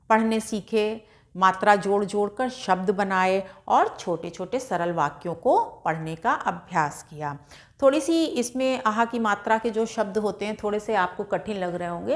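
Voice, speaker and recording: A woman teaching beginners to read, sounding out each syllable and repeating every word patiently. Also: medium pitch. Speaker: Hindi literacy teacher. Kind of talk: slow step-by-step reading lesson. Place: indoors at a classroom board.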